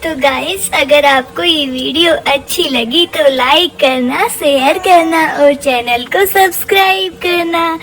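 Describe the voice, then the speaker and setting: Mom voicing a cheeky baby boy for a vlog: very high, slow, cutesy baby talk. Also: fairly bright tone, exaggerated voice. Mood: playful. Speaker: parent vlogger voicing her baby.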